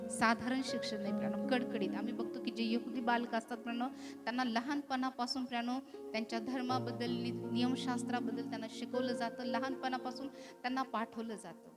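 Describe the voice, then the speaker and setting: High-voiced Marathi woman preaching. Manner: preaching with frequent "hallelujah" and "beloved" refrains; rises to loud emphatic exhortation. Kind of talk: sermon. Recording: music playing behind the voice.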